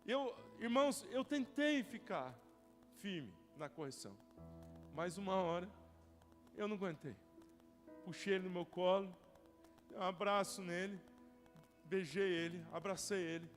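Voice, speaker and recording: A young male pastor with a Brazilian Portuguese accent preaching a sermon, telling stories with strong feeling and swinging from loud cries to hushed whispers. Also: high-pitched, unhurried, pauses often. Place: church hall. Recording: church hall reverb with soft music.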